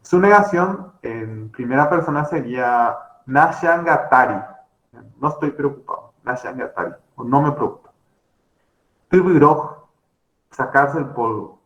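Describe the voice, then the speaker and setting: Man, Paraguayan Spanish accent, language teacher, halting with self-corrections, echoey room, dull sound. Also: mid-range voice, expressive, a bit bright. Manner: slow, halting, with many fillers and self-corrections. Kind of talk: recorded lecture on grammar. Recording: roomy, slightly dull recording.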